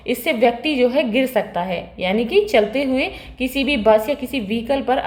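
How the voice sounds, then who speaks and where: A woman teaches a school lesson at an unhurried pace, spacing out each English line with care. Her voice sits somewhat high. The room around her is noticeably echoey. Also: darkish tone. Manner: slow, deliberate reading of English lines, brisker Hindi explanation. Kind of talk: bilingual textbook lesson, reading English then explaining in Hindi.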